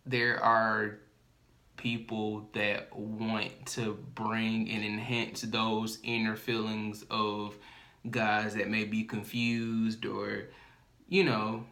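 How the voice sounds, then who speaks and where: A man co-hosting a podcast in casual chat, slow and thoughtful, with many fillers and hedges. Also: fairly low pitch, completely flat delivery, gravelly, sharp tone. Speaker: podcast co-host.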